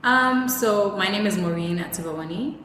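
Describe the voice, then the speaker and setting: A woman's voice: mid-range voice, moderate pace, fairly bright tone, slight background noise. A Ghanaian woman in her thirties, chatting casually as an interview guest and laughing often between filler words. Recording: roomy echoey room with faint ambience.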